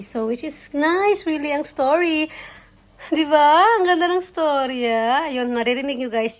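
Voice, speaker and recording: A young woman, chatting casually to her viewers at home in a vlog, cooing now and then at her baby. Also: fairly high pitch. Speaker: vlogger, mother.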